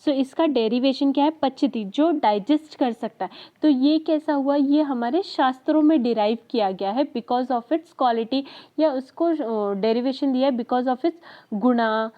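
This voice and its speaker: A woman teaching an Ayurveda lesson, explaining terms in Hindi mixed with English and reading definitions slowly. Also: high-pitched. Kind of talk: explaining lecture. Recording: dull lo-fi audio.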